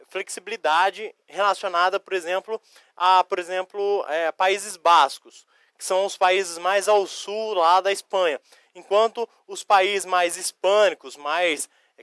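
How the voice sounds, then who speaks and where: A man from Curitiba in Brazil teaching Spanish vocabulary in a recorded lesson, explaining each word slowly, spelling out letters and answering imagined student questions. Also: high voice, fairly bright tone, clear, resonant tone, no echo, clean studio sound. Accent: Curitiba Brazilian Portuguese. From Curitiba, Paraná, Brazil.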